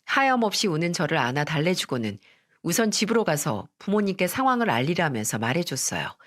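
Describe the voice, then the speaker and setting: A woman reading a first-person story in steady, scripted narration. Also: lowish voice, a little fast, dry recording, studio quality.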